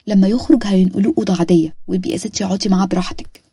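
A woman with an Egyptian accent voicing a caring young woman who gently comforts her friend. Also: medium pitch, fairly even intonation, racing, slightly rough, no room sound. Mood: comforting. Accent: Egyptian Arabic.

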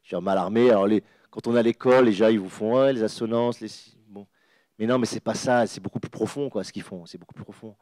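A man's voice: lowish voice, quick pace, darkish tone, no room sound. A man, a guest author on a panel, giving an emphatic spoken explanation with many restarts. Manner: emphatic, restarts and repeats words, acts out sounds. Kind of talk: animated lecture-style explanation.

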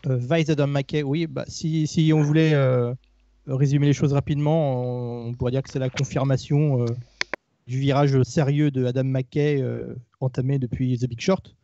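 A man's voice: medium pitch, fairly even intonation, normal speed, mellow, dull audio, a little hiss or hum. A man speaking as a guest in a casual film podcast, rambling and hesitant.

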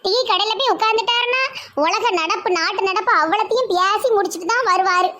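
A woman voicing a warm, chatty village woman with a Tirunelveli Tamil accent. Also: very high voice, a little fast. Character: warm-hearted village woman, young aunt.

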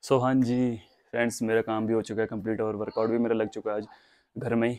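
A man's voice: on the low side, level tone, quick pace, darkish tone. A young man chatting casually to camera in a home vlog, sounding tired after heavy work and giving viewers plain advice. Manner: casual, advising viewers directly. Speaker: fitness vlogger. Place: veranda of a house, covered, half outdoors.

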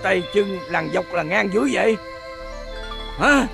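A man's voice: sits high, expressive, moderate pace, creaky, heavily acted. An actor playing a worried passerby who tries to wake a hurt young man, with music behind. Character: concerned passerby man, rousing a beaten youth.

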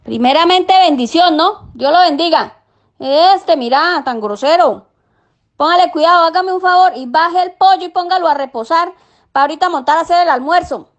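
A woman's voice: very high-pitched, moderate pace, dull audio. A woman playing an exasperated mother in a comedy sketch, scolding and cursing at her son. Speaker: sketch actor.

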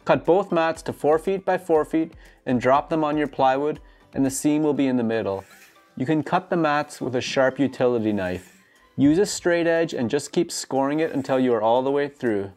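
Speaking at normal speed with a medium pitch and a darkish tone, this thirties-aged man hosts a home gym DIY channel. He's in his garage gym indoors, casually instructing the camera with tongue-in-cheek jokes, while music runs behind him.

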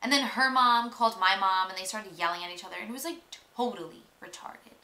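A woman's voice: mid-range voice, fast, bright, forceful tone. A young woman performing a monologue as a mean, spiteful, popular teenage girl, with a catty, gossipy, mock-sweet drawl. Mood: spiteful, dismissive. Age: young adult. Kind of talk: acted film monologue. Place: small room indoors. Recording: roomy, echoey home recording.

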